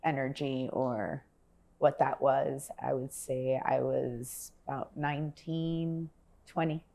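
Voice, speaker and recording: A woman in her forties from Miami, Florida, a healer and yoga instructor, speaks as a guest in a casual interview conversation. She sounds reflective and searching, with fillers and restarts. Her bass voice is mellow, steady, and slow, with vocal fry.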